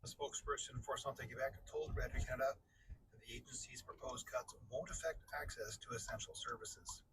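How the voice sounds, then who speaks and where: A man reading a scripted news bulletin with steady, measured newsreader delivery, heard as a tinny radio playing in a car. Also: mid-range voice. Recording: distant radio with background noise.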